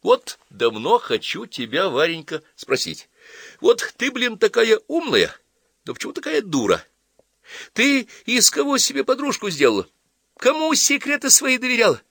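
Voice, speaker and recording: A man's voice: extremely high pitch, wildly swooping pitch, normal speed, bright, forceful tone, dry recording, studio quality, pitched above the performer's own voice, exaggerated voice. A man voicing a sardonic, mocking young man who lectures in a mock-solemn tone. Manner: jeering, preachy mock-solemn tone.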